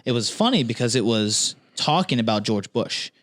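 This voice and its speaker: A man's voice: medium pitch, animated, normal speed, fairly bright tone, dry recording. A man, a podcast guest, chatting casually about sports in an easygoing, hesitant way. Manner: easygoing, hesitant, laughs often.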